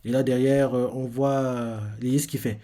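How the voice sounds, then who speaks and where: A man streaming live, recapping a manga chapter in a casual, halting way, full of fillers and restarts. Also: medium pitch, little pitch movement, dark tone. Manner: hesitant, many fillers and restarts, repeats himself while explaining.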